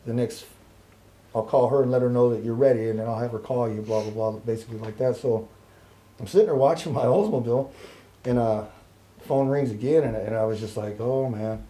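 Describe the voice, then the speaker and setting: A man's voice: mid-range voice, brisk. A middle-aged man casually telling a personal story in an interview, acting out the voices of the people he quotes. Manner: animated, acts out other people's voices in quotes. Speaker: interview guest.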